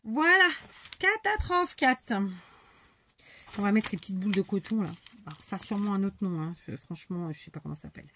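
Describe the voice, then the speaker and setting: A woman's voice: mid-range voice, fast talker, a little hiss or hum. A middle-aged woman chatting casually as she works through a scrapbooking tutorial, rambling and talking to herself, a bit stuffy. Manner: rambling, chatty, talks to herself while working. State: stuffy, needs to blow her nose. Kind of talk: casual tutorial chat while crafting.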